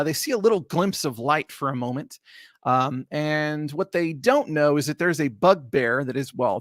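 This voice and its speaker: A man's voice: fairly high pitch, dry recording, clean studio sound. Rambling man recapping a tabletop game. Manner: rambling, self-correcting, frequent fillers. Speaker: game master recapping a campaign. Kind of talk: casual campaign recap narration.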